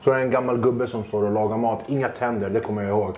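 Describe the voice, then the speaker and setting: A man's voice: lowish voice, steady tone, a little mellow, reverberant, slight background noise. A man, a stand-up comedian, telling funny anecdotes in a casual chat, acting out quoted voices and laughing often. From Sweden, Kurdish family roots. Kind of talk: casual chat, animated storytelling.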